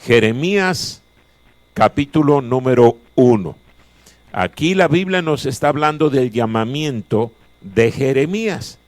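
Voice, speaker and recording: A man's voice: medium pitch, expressive, measured pace, no room sound. A male pastor preaching a chapel sermon, emphatic and repeating his key phrases. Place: chapel of a Bible college.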